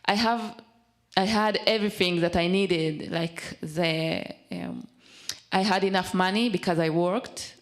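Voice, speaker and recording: Young woman from Israel, halting testimony. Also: fairly low pitch, fairly even intonation. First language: Hebrew. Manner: halting, searching for English words, many fillers and restarts. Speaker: speaker at a community event. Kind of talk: personal testimony.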